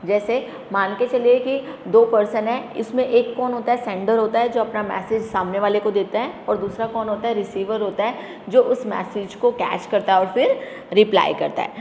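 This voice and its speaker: A woman teacher explaining a lesson to students, asking questions and answering them herself, and reading English definitions slowly. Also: medium pitch, a little mellow. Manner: addresses students as "beta". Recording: echoey room with faint background noise.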